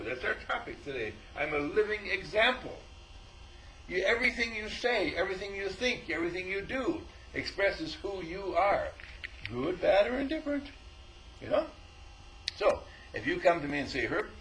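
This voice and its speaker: The high-sitting voice of a man teaching in a casual spiritual talk comes through a low-quality recording with a bit of hiss or hum. He's an animated storyteller, voicing both sides of conversations and often breaking into chuckles.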